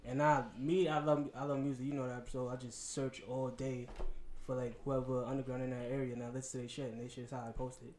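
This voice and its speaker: A man's voice: medium pitch, flat delivery, fast talker, a little mellow, slight background noise. A man with a Queens, New York accent in a casual chat, talking in a slangy, rambling way with lots of "like". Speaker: guest, music blogger and promoter.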